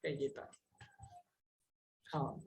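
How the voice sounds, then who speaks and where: A woman teaching a casual online Mandarin lesson, explaining patiently, saying example sentences slowly and often checking whether her students understand. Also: darkish tone, reverberant.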